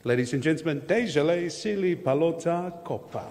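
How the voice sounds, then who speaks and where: A man's voice: a little high, expressive, normal speed, background noise. A man hosting an awards ceremony with an upbeat, jokey announcing style. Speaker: emcee. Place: large hall on stage. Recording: long hall reverb.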